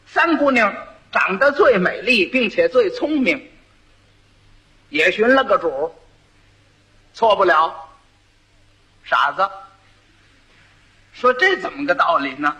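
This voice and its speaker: Guy telling a funny old folk tale, chatty asides, high bright voice. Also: slow pace, pauses often, low-quality recording. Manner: lively, conversational asides to listeners. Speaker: storyteller. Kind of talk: traditional comic storytelling.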